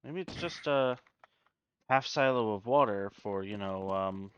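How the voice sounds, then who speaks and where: A man's voice: on the low side, a little slow, dull audio, slight background noise. A man giving casual gameplay commentary, thinking aloud in a hesitant way. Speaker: gamer.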